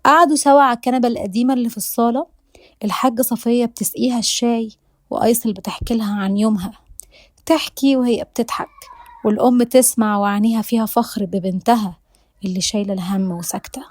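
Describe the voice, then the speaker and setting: A woman with an Egyptian accent narrating a romance story in a soft, at times whispery way. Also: on the high side, steady tone, quick pace, no room sound. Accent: Egyptian Arabic.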